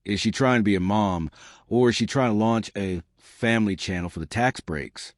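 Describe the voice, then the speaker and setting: A man's voice: fairly low pitch, normal speed, no echo, studio quality. A man narrating a scripted commentary with dramatic rhetorical questions.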